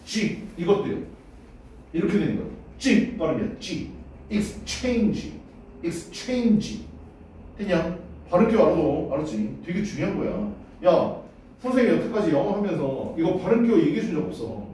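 Male English teacher, casual drilling style, high animated pitch, echoey distant room recording. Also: a little fast, slight background noise. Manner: casual, drills words aloud, asks "됐냐?" often. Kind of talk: classroom pronunciation lesson. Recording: roomy echo, voice far from the mic.

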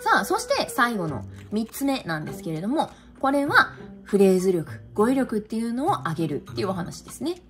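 A woman's voice: medium pitch, brisk. A woman teaching pronunciation in a video lesson, emphatic and speaking straight to viewers. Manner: lively, emphatic, addresses viewers directly. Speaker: English teacher. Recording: background music under voice.

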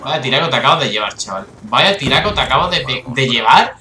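A man with a Spain Spanish accent giving excitable, swearing live commentary over his own gameplay, with bursts of frustration. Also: mid-range voice, fast talker, echoey room, background noise. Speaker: gaming YouTuber.

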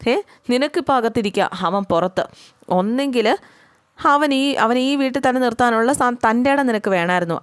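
A woman's voice: medium pitch, clean tone, no echo, clean studio sound, natural voice. A woman voicing a grieving, furious middle-aged mother who scolds her son through tears. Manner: accusing, tearful scolding.

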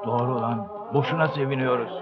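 An actor playing an aggrieved, grumbling neighbourhood shopkeeper in a comedy film. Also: male voice, mid-range voice, fairly even intonation, fairly quick, dull audio, over music, close to an everyday voice. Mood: indignant. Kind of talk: Turkish comedy film acting. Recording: street chatter behind film dialogue.

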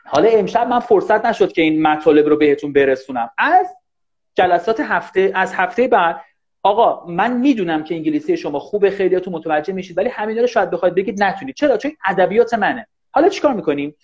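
A man teaching English in a casual live online class, talking fast and animated and often thanking viewers. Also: high-pitched. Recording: dull lo-fi livestream audio.

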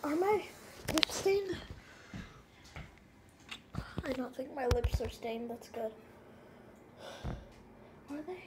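A young woman vlogging at a table at home while eating spicy food, excitable and dramatic, exclaiming and repeating herself. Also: high voice, slow, pauses often. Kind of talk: casual mukbang vlog. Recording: echoey room with background noise.

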